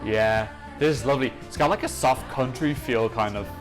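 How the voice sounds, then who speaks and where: Gushing over the music in casual analysis, a young Eurovision reaction channel host chats enthusiastically. His voice has a medium pitch and moves at a normal speed.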